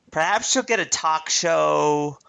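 A man's voice: a little high, lively intonation, slow, vocal fry, bright, forceful tone, clean tone. A man co-hosting a casual political chat, quizzing his partner and teasing him with frequent laughs. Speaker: podcast co-host running a quiz.

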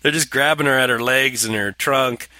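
A man's voice: mid-range voice, fairly even intonation, moderate pace, pushed and bright. A man co-hosting a movie discussion, bantering casually in a sarcastic, mocking way. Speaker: co-host of a comedic movie discussion show.

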